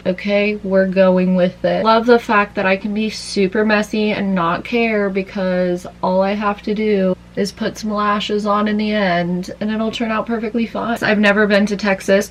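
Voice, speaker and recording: A woman's voice: medium pitch, a little hiss or hum, poor audio. A tired young woman chatting her way through a makeup routine after an all-nighter, rambling casually. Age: young adult. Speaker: vlogger. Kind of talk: casual makeup vlog chat.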